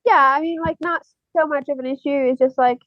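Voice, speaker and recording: A young woman from Algeria, a podcast guest, talks in a casual, hesitant way with many fillers and soft laughs. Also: high-pitched, steady tone, fairly quick, dry recording, muffled recording. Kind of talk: casual interview chat.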